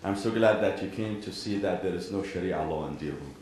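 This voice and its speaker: This imam, a man from Iraq and Kuwait with an Iraqi Arabic accent, has a low, slightly mellow voice and gives a formal public address to a gathering in a large indoor venue. His measured, deliberate delivery includes pauses and repeated parallel sentences, plus frequent throat clearing. Faint background noise sits beneath the hall's strong echo.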